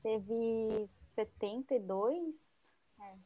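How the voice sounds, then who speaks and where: A woman, an event organizer chatting casually and relaxed before a live online event. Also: a little high, very slow. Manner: relaxed, conversational.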